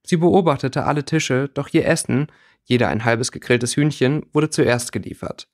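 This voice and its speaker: A man reading fan fiction aloud as an audiobook, steady with small slips. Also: medium pitch, normal speed. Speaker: audiobook reader.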